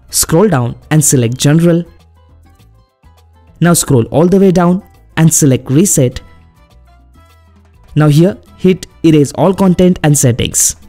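A man hosting a step-by-step phone tutorial as a voice-over, giving plain, brisk instructions. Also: on the high side, mellow. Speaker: tech tutorial host.

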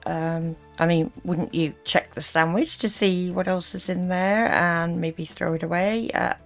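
A woman's voice: lowish voice, fairly even intonation, unhurried, soft background music. A woman giving critical reaction commentary as host, disapproving and full of sarcastic asides.

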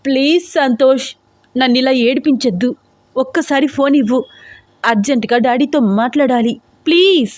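A woman's voice: sits high, normal speed, pauses often, dark tone, dry recording, studio quality, pitched above the performer's own voice, close to an everyday voice. A woman voicing a frantic, pampered young woman in a storybook audio drama, talking in an urgent, pleading, tearful way. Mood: panicked.

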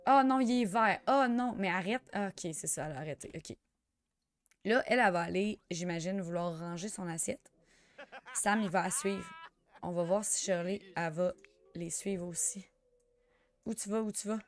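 A young woman with a Quebec French accent chatting through a life-sim game, excitable and sprinkling in English slang. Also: fairly low pitch, moderate pace, pauses often. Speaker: gamer. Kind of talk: let's play commentary.

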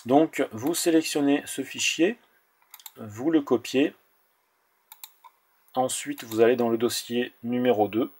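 A young man talks viewers through a console hacking tutorial over a screen recording. His pitch sits in the middle range for a man. He hesitates often, with frequent fillers, restarts and repeated connecting words. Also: slow, long pauses, darkish tone, husky. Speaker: tutorial host.

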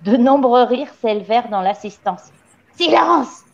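Female storybook reader, expressive and steady, somewhat high voice, dull lo-fi recording. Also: measured pace. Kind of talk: reading a children's novel aloud. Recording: dull lo-fi audio.

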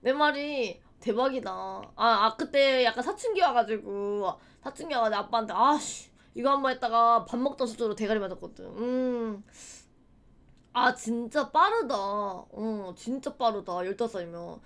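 A young woman in her twenties chats on a livestream in a high voice. She laughs readily and acts out old stories in a loose, chatty way. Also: moderate pace, a bit bright. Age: 20s. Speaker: streamer. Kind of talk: casual livestream chat.

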